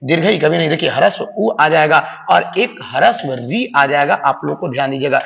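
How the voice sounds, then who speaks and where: A man's voice: on the high side, fairly quick, gravelly, fairly bright tone, a little hiss or hum. A man teaching a grammar lesson to students, repeating key points and often calling them children. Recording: roomy long-reverb room, dull lo-fi sound.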